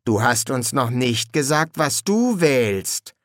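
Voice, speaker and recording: A man's voice: medium pitch, sing-song, takes it slowly, a bit bright, dry recording. A man voicing a blunt young boy who grumbles, in a dry audiobook reading. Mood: grumbling.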